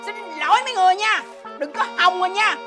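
A woman's voice: extremely high pitch, quick pace, over music. A woman with a Southern Vietnamese accent playing a big, proud, hot-tempered neighbor in a stage comedy sketch, bossy and quarrelsome. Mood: smug. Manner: bossy, quarrelsome, rattles off rhyming curses.

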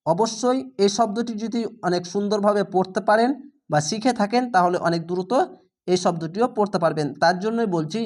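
A man with a Bangladeshi Bengali accent teaches Quran reading in a high voice, slowly and patiently spelling out each syllable before reciting the words in a drawn-out way.

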